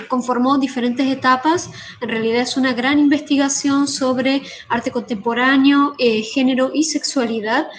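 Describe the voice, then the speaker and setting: A woman from Argentina, giving an online conference talk as an artist and researcher, pausing often with fillers and restarts. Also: sits high, a little hiss or hum. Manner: hesitant, many fillers and restarts. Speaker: guest speaker, artist and researcher. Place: home in Brazil.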